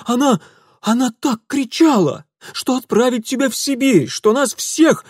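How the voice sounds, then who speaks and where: A shrill, panicked old aunt, as a reader puts her on, her voice leaping high and loud with scandalized horror. She wails her lines slowly in a dry, close storybook reading. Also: animated, dry recording. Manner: shrieking, wailing.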